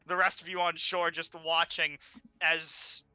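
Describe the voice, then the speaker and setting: Bright-voiced male game master. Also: on the high side, level tone, clear, resonant tone, dry recording. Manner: descriptive, halting narration with many fillers. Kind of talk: narrating a tabletop game.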